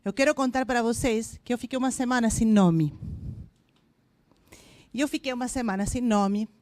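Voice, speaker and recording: Speaking at a normal pace in a dry recording, this invited speaker's voice is fairly high and a little mellow. She is a woman in her fifties from Argentina whose first language is Spanish, and she jokes and chats through her corporate-event talk with an Argentine accent and hesitant fillers.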